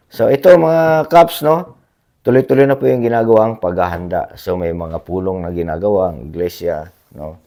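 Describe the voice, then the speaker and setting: Hoarse, deep-voiced man chatting to viewers. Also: darkish tone. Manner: polite, frequent tag questions, rambling. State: hoarse from a cough. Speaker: blogger reading viewer comments. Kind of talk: casual livestream-style chat.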